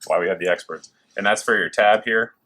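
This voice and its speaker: A man's voice: fairly low pitch, brisk, bright, forceful tone. A man hosting a gear showcase in a casual, enthusiastic, informal way, with machine noise behind him in a working factory. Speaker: host of a gear review video. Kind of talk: casual product showcase to camera. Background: working machines and clicks.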